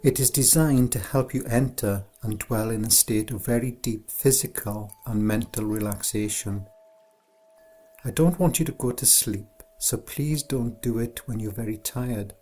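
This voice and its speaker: A man whose voice is on the low side narrates a scripted guided meditation. He takes an instructor's role, unhurried, soothing and gentle throughout.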